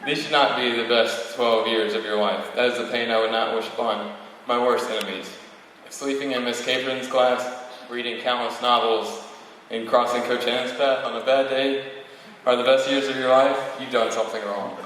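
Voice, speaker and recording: In a large, reverberant hall before an audience, a young man around eighteen, the student valedictorian, reads his prepared podium speech with occasional stumbles. His mid-range voice is a bit bright, with fairly even intonation, a moderate pace, and hardly any pauses. A distant mic records him with strong echo and faint noise.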